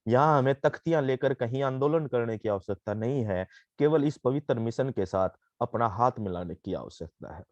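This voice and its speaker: A man giving a persuasive sales pitch, mixing Hindi with English phrases and calling listeners his friends. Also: normal speed, hardly any pauses, darkish tone, no echo, muffled recording. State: coughing, throat irritated. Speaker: network marketing presenter.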